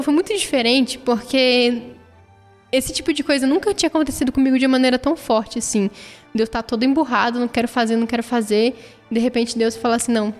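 A woman telling a personal faith testimony in an earnest, emotional way. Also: a little high. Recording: long reverb, soft music behind.

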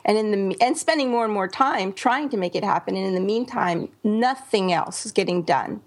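Casting: middle-aged woman podcast host, gravelly edge, candid and rambling. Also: medium pitch, lively intonation, normal speed. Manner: candid, rambling with restarts and fillers. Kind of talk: casual podcast chat.

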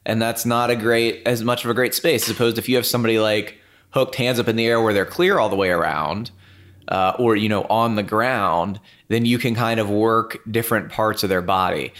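A man co-hosting a podcast, talking in a relaxed, rambling way with lots of fillers. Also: lowish voice, a little fast. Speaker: podcast co-host. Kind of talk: casual podcast chat.

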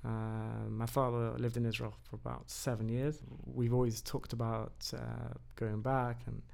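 A man who grew up in England talks about his background as a podcast guest. His voice has a gravelly edge, and he pauses often, filling the gaps with little hesitations. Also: medium pitch, flat delivery, a little mellow. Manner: hesitant, many fillers. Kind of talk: casual conversation.

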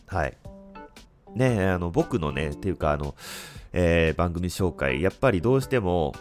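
Low-pitched man with a stuffy nose. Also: animated, moderate pace, faint music behind. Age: 30s. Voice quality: stuffy, congested nasal voice. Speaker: podcast host. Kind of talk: casual solo chat with frequent pauses.

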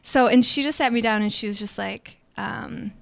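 A woman's voice: fairly high pitch, moderate pace, gravelly, no room sound. Brief: young Minnesotan woman, interview guest, chatty, laughs easily, dry close sound. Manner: chatty, laughs often, trails off with fillers. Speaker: guest artist. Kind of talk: casual interview conversation.

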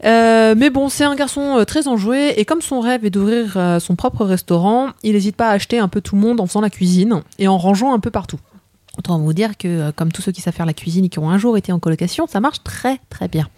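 Animated Parisian woman reviewing manga. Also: mid-range voice, brisk, dry recording. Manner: lively, laughing, many fillers. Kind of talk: casual panel chat.

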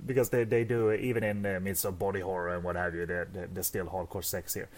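A man's voice: low-pitched, little pitch movement, fast, a little hiss or hum. A man co-hosting a casual movie podcast, stammering and repeating words, often chuckling. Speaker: podcast co-host.

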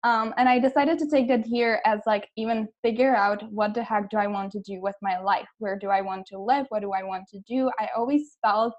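A woman's voice: medium pitch, fairly even intonation, a little fast, hardly any pauses, darkish tone, lo-fi sound. A woman from the Czech Republic, in her thirties, a guest coach on a podcast, giggly and enthusiastic, laughing often as she talks. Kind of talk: casual podcast interview.

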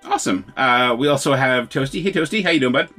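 Husky easygoing man hosting a podcast. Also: medium pitch, animated, fast talker, pushed and bright, soft background music. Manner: easygoing, joking. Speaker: podcast host. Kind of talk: casual podcast chat.

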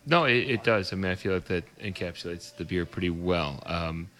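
A man chatting casually on a podcast and presenting a beer. He is laid-back and fills pauses with lots of ums and uhs. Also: low-pitched, fairly bright tone. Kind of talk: casual chat.

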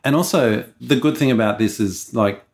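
A middle-aged man with a mid-pitched voice co-hosts a casual podcast. He talks in an opinionated, conversational way and throws in lively asides. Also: normal speed. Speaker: podcast co-host.

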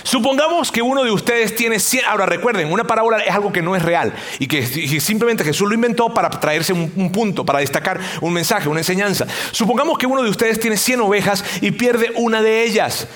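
A middle-aged man preaches a sermon in a chatty, animated way, his voice sitting notably high for a man. He often slips into the voices of the people in his examples. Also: fairly quick, few pauses. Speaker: pastor.

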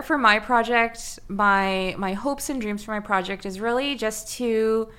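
A woman answering interview questions about her education project in an earnest, measured way. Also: mid-range voice, fairly bright tone, clean tone.

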